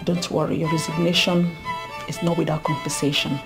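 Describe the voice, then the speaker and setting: A woman's voice: sits low, flat delivery, a little fast, vocal fry, music in the background. An actress with a Nigerian accent playing a controlling queen in a film drama. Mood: cold. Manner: firm, controlling. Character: scheming queen, firm middle-aged woman.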